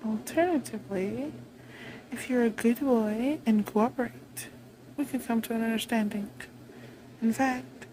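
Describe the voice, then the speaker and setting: Taking the role of a haughty vampire queen bent on vengeance, a woman performs a roleplay monologue, deliberate, imperious and taunting. Her voice runs on the high side, and background noise can be heard.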